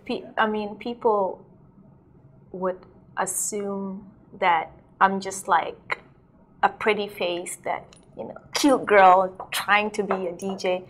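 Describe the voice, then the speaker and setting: A woman's voice: medium pitch, flat delivery, slow pace. Chatty young woman from South Sudan. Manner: chatty, laughs often, many "like"s and fillers. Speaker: DJ and model being interviewed. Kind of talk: casual interview storytelling.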